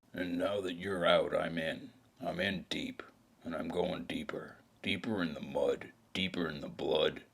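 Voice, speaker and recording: Hushed and dark, a deep male voice narrates a scripted noir audio drama, with an actor playing a weary, brooding hard-boiled detective. The delivery is deliberate, gravelly, and exaggerated.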